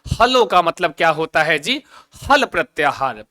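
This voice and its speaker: A Sanskrit teacher with a slightly high, very animated, pushed and bright voice leads an online exam coaching lesson. He chants an opening prayer slowly, then teaches playfully, asking questions and answering them himself.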